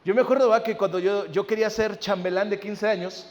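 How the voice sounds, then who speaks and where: A man's voice: sits high, fairly even intonation, fast. A male pastor, preaching a sermon, often checking in with listeners and acting out family conversations. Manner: acts out family dialogue in anecdotes. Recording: long hall reverb.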